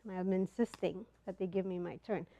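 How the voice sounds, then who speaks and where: A middle-aged woman from Ethiopia telling a personal story to a live audience, earnest and halting, with pauses and fillers, on a clip-on mic. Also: fairly low pitch, fairly even intonation, dark tone, no echo, muffled recording. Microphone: clip-on mic, not in front of the face.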